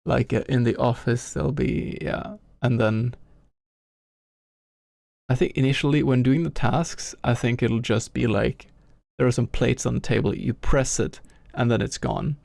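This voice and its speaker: A man's voice: mid-range voice, steady tone, measured pace, vocal fry, darkish tone, no room sound, clean studio sound. A Norwegian man with a Norwegian accent, chatting casually on a game dev stream, rambling and thinking aloud in a self-deprecating way. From Norway. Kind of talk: casual live-stream chat. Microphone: gifted home studio microphone.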